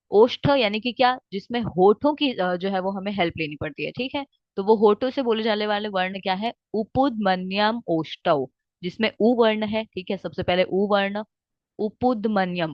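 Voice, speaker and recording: A woman teaching a lesson, often pausing to check in with "theek hai" and reciting verses slowly. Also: fairly low pitch, no echo. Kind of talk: explaining lesson with Hindi-English mix. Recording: dry, slightly dull recording.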